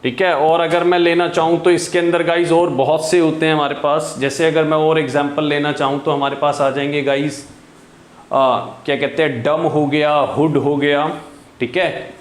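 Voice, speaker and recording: A man's voice: a little high, flat delivery, moderate pace, roomy sound. A man teaching English grammar in Hindi, who keeps asking his students questions and answering them himself. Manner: asks questions then answers them himself, says "guys" often. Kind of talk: classroom grammar lesson in Hindi.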